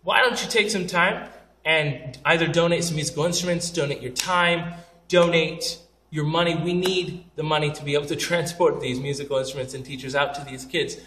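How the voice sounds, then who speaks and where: A man's voice: fairly high pitch, steady tone, brisk, fairly bright tone, roomy sound, far from the mic, a little hiss or hum. A young man telling funny travel stories in a casual, joking, self-deprecating way, talking straight to camera. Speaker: vlogger.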